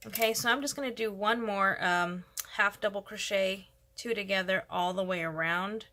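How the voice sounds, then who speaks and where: A woman's voice: medium pitch, moderate pace, bright, forceful tone. A woman hosting a casual crochet tutorial, chatting and thinking aloud as she works. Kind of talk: casual step-by-step craft tutorial.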